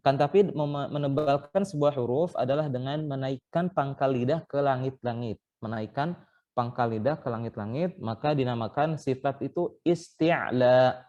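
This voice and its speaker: A man's voice: medium pitch, moderate pace, darkish tone, highs cut off. A man teaching Quran recitation in an online training session, patiently explaining step by step and sounding out letters as examples. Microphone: online call.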